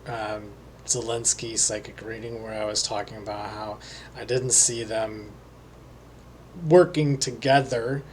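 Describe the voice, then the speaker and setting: A man talking alone as a psychic reader, slowly and hesitantly, with many pauses and fillers. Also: on the low side, steady tone, darkish tone, a little hiss or hum. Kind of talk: solo monologue.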